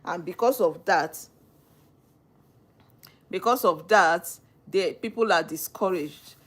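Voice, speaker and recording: A woman's voice: on the low side, slow pace, a bit bright. A woman with a Nigerian accent, a lawyer talking on a live stream, who explains with earnest repetition. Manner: earnest, repeats phrases while explaining. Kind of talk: live-stream talk answering viewers.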